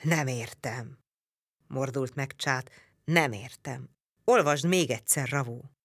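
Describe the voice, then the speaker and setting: A woman voicing a gruff, hot-tempered barbarian man in an audiobook, grumbling and bellowing by turns. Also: extremely low pitch, no room sound, clean studio sound.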